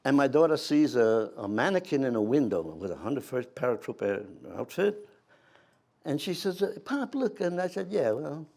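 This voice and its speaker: An elderly American man, in his eighties or older, reminiscing as an old war veteran in animated anecdotes, with halting restarts and acted-out dialogue. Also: medium pitch. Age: 80s or older.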